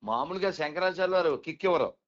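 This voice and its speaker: A man's voice: on the high side, expressive, fast. A man lecturing on spiritual matters, firing rhetorical questions and coaxing his listener along. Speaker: spiritual speaker. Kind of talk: explaining conversation. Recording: dull lo-fi recording.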